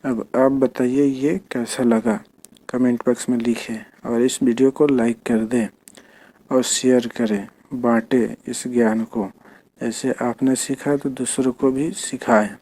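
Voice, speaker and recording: A man with a mellow, darker voice teaches a slow reading lesson for children. He sounds out every syllable patiently and takes his time. His pitch sits in a middle range. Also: vocal fry.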